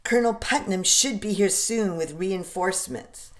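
A woman reading the part of a male colonel giving crisp battle orders with command presence. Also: mid-range voice, normal speed, natural voice.

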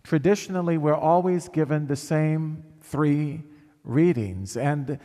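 A man, a priest at Mass, reading scripture and preaching in a solemn, measured, formal way in an echoing, cathedral-like church. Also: fairly high pitch, mellow. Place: large church interior.

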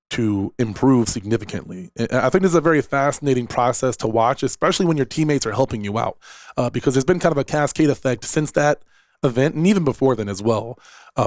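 A man's voice: mid-range voice, no room sound, studio quality. A man, hosting a casual solo podcast and talking in a rambling way with repeated words and fillers. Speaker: podcast host and esports director.

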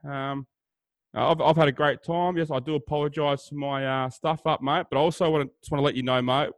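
A man's voice: on the high side, fairly even intonation, brisk, no room sound. A man with an Australian accent co-hosting a podcast in casual, joking banter, full of fillers and "mate". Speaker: podcast co-host.

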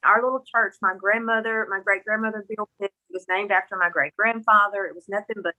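A woman's voice: medium pitch, fairly even intonation, fairly quick, bright, forceful tone, low-quality recording. A middle-aged woman from rural Mississippi with a Southern country accent, telling her personal story as a guest in a folksy, candid, emphatic way. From Mississippi, rural United States.

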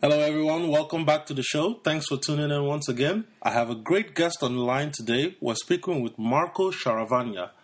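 A man's voice: fairly high pitch, a little fast, few pauses, slight background noise. A man hosting a business podcast, introducing a guest in an upbeat way and listing things at length. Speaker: podcast host.

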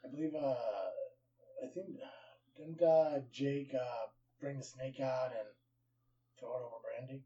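Man, podcast co-host, energetic wrestling recap, mellow dark tone, muffled distant mic. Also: medium pitch, measured pace, pauses often. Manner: energetic, swears casually, rattles off results. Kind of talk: casual wrestling recap chat.

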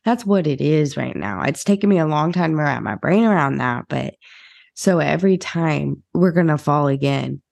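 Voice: medium pitch, expressive, normal speed, creaky, darkish tone, dry recording. A podcast co-host in casual chat, rambling and meandering, with frequent swearing.

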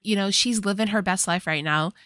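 A woman's voice: mid-range voice, a little fast, fairly bright tone, no echo, studio quality. A woman co-hosting a casual movie recap podcast, making wry joking asides about the plot. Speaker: podcast co-host.

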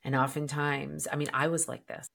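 Woman dating coach on a podcast, super low voice, rambly thoughtful chat full of "like". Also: little pitch movement, moderate pace, creaky, fairly bright tone. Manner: reflective, many "like" fillers.

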